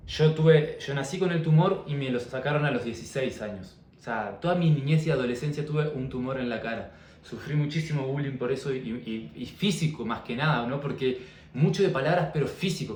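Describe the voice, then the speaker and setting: A man's voice: mid-range voice, reverberant. A young man, a coach talking earnestly and repetitively to camera in a personal vlog. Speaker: mindset and fitness coach.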